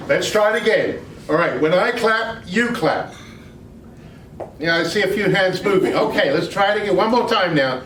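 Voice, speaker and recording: Joking man with a high voice in an echoey room. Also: heavy background noise. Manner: joking, engages the audience directly. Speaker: guest speaker at a speaking club. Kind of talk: humorous speech to an audience. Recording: echoey room, voice far from mic.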